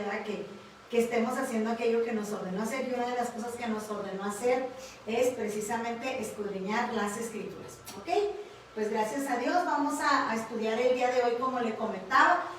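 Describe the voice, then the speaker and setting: Mexican woman, Bible class teacher, slightly high voice, tag questions throughout; distant mic in a very echoey room with faint noise. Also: a bit bright. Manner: frequent tag questions and fillers.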